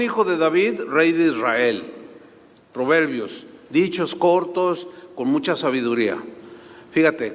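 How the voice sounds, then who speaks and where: A male pastor delivers his sermon in a fairly high voice. He slips into animated, anecdotal storytelling. His voice rings with a long reverb, as if he is preaching in a large church hall.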